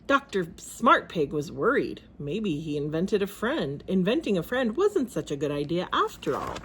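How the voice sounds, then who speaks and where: With a medium-pitched voice carrying a breathy edge, a woman narrates a children's storybook aloud. Her reading style is dramatic and expressive.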